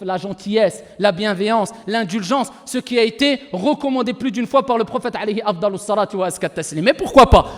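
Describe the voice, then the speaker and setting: A man preaching with a very high voice, rising to loud emphatic bursts and dropping to quiet asides. He threads Arabic religious phrases through his talk. His voice rings out with a long reverb, as if heard in a large hall. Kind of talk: sermon.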